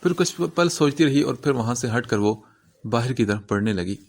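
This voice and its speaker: A man reading an Urdu romance novel aloud as narrator, in an even storytelling manner. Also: medium pitch.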